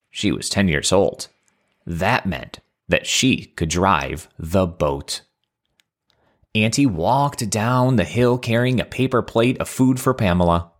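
A man reading a children's story aloud. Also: low-pitched.

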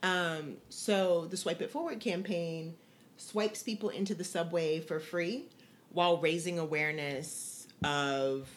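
A co-host of a casual talk show who explains at length, rambling and checking in with "right?". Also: medium pitch. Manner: rambling, many ums and "right?". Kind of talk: casual chat.

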